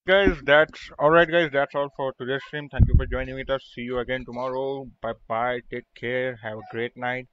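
A man's voice: medium pitch, little pitch movement, a little fast, few pauses, muffled recording. A man livestreaming a game, chatting casually and greeting his viewers. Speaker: game streamer. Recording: noisy stream over game audio, clicks.

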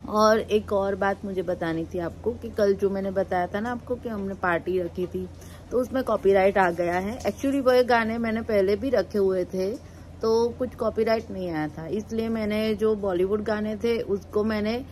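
A woman in her thirties with a Gujarati accent talks to her viewers in a casual home vlog, chatty and easygoing. Her throat is sore, so her voice sounds a little strained. Faint ambient noise sits behind her in a mid-pitched voice. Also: moderate pace, a little mellow, rough recording. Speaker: vlogger. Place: home, looking out at rain.

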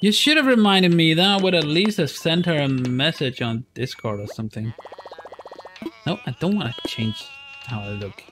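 On a casual live stream with soft background music, a man in his forties speaks expressively at normal speed in a fairly high, bright voice. He plays a game and talks playfully to chat through a headset in a small room.

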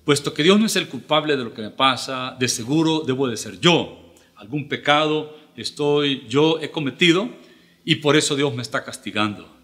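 A middle-aged man, preaching an earnest, measured sermon with pauses as pastor. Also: medium pitch, a bit bright. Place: church livestream.

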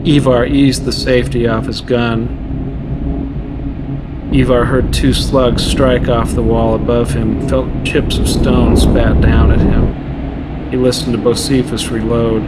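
Man reading fiction over loud noise. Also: mid-range voice, little pitch movement, unhurried. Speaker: author reading his fiction.

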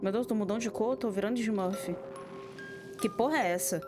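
A woman's voice: medium pitch, moderate pace, over music. A Brazilian woman streaming a horror game, talking to herself in casual commentary, swearing often and jumping at scares. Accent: Brazilian Portuguese. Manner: swears a lot, jumpy and exclamatory.

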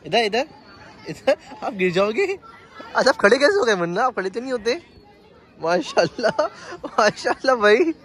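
A man coos and coaxes a small child outdoors in a park. His voice is high and swings widely in pitch, with a sing-song lilt. A faint crowd murmurs behind him. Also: sing-song, moderate pace, pauses often, fairly bright tone. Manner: coaxing, sing-song baby talk. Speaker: uncle of a toddler. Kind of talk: casual vlog, talking to a small child.

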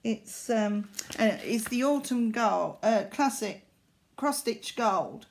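A woman's voice: fairly high pitch, animated, slow pace, a little hiss or hum. A middle-aged woman, chatting casually to camera in a hesitant, rambling way, recorded at arm's length in a living room. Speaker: needlework vlogger. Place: small living room indoors.

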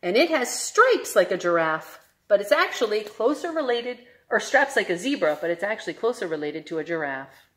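A young adult woman librarian performs a story-time read-aloud, bouncy and melodic, asking questions of her listeners. She talks at a moderate pace with a medium pitch.

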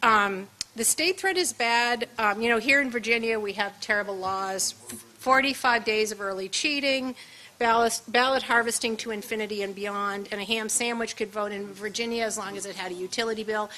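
Bright-voiced woman giving an emphatic talk. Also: a little high, moderate pace, a little hiss or hum, low-quality recording. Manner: conversational, emphatic, punchy asides. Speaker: seminar speaker. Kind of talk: luncheon presentation. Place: event room at a seminar.

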